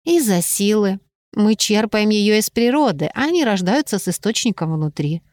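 A woman's voice: mid-range voice, expressive, moderate pace, darkish tone, dry recording, lightly acted. A woman reading aloud, voicing a confident young female witch who is scornful of mages, in a matter-of-fact way.

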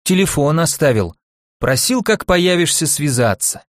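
A man's voice: a little high, animated, a little slow, no echo, clean studio sound. A man reading an audiobook, voicing a chatty, nosy old village woman who uses folksy exclamations. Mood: fussy.

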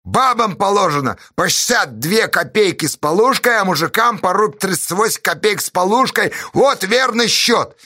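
A man voicing a loud, indignant bearded barge hauler who shouts and stirs up a crowd in an audiobook. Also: high-pitched, animated, moderate pace, hardly any pauses, pitched above the performer's own voice, exaggerated voice. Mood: indignant shouting. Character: shrill rabble-rousing bearded male barge hauler. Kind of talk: audiobook character voice.

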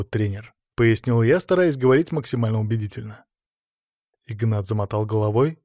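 A man's voice: mid-range voice, a little mellow, no echo. Man narrating an audiobook, dry sound. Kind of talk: first-person audiobook narration.

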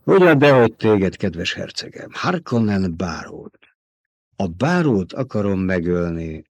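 A man's voice: low voice, sing-song, darkish tone, dry recording, exaggerated voice. A man reading an audiobook, voicing an old male doctor turned traitor, feverishly obsessed with revenge, who speaks in an intimate, coaxing way.

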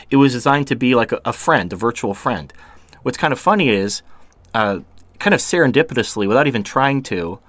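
A man hosting a casual podcast, crude and opinionated, holding forth in long runs. His voice sits at a middle pitch. The sound is dry and close, with no room in it. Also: a bit bright, dry recording. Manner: blunt, crude, opinionated, laughs at his own jokes. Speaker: show host.

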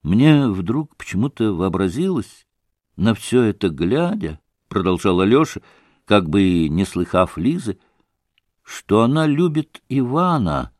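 An actor playing a gentle young man who speaks quietly and contritely. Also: on the low side, very animated, measured pace, no room sound, clean studio sound, voice pushed down. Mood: ashamed.

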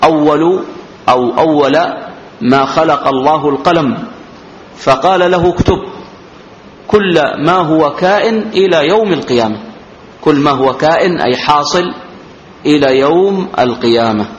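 A man from Yemen delivers a classical text-commentary lesson at a careful, measured pace, repeating key words so students can follow. His fairly high voice rings through a roomy hall. The recording sounds dull and lo-fi, with faint background noise. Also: expressive. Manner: slow, deliberate, repeats words for students to note; raises his voice when reading the quoted text. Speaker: religious teacher.

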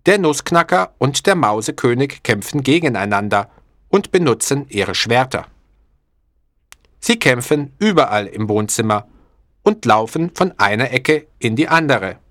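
A male narrator reading a story at a slow, careful pace, with a lively, expressive pitch. The recording is dry and close to the mic. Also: dry recording. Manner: clear, deliberate, expressive.

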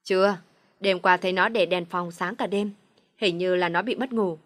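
A woman's voice: on the low side, steady tone, normal speed, no echo, studio quality, lightly acted. A woman playing a kindly old lady of the house. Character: elderly woman, villa owner, kindly.

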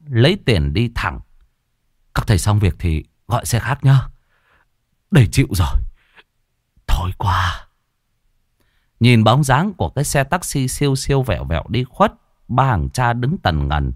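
A man narrating a comic ghost story in an expressive, mocking way. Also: on the low side, no echo, clean studio sound.

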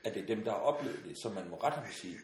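A man telling funny anecdotes in a casual podcast chat, acting out the voices in his stories and laughing often. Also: on the low side. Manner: animated storyteller, acts out voices, laughs often. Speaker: podcast guest. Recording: roomy sound with faint noise.

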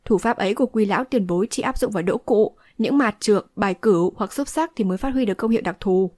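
A woman's voice: medium pitch, quick pace, warm tone, no echo, lightly acted. A woman reading the part of a resolute young swordswoman who speaks firmly and decisively, in a dry close recording. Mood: explaining. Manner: firm, decisive speech. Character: young heroine, resolute and fierce-tempered.

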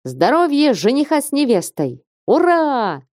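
Gushy hot-headed merchant guy, read by a lady, bouncy lively pitch, mellow tone. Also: a little slow, no room sound, studio quality, natural voice. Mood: exuberant. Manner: exclaiming, gushing. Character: excitable tipsy young merchant, effusive, hot-tempered.

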